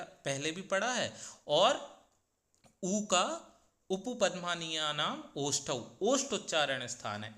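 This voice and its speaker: A man teaching a grammar lesson, slowly sounding out each letter in turn. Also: sits high, bright, forceful tone.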